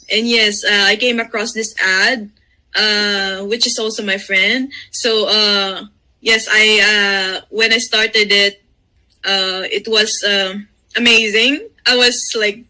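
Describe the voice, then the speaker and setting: A woman from the Philippines with a Visayan accent and Bisaya as native language, giving an informal personal testimonial in halting, hesitant phrases. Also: medium pitch, pushed and bright, poor audio. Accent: Filipino, Visayan. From Davao City, Philippines. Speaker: guest sharing a testimonial. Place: video call.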